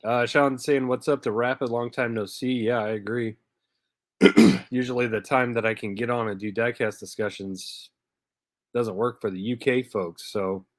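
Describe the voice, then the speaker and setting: A medium-pitched man in his thirties speaks at a moderate pace in a steady tone, recorded with clean studio sound and no echo. Stuffy from a head cold, he hosts a live diecast car stream, chatting casually and greeting viewers by name with light laughs.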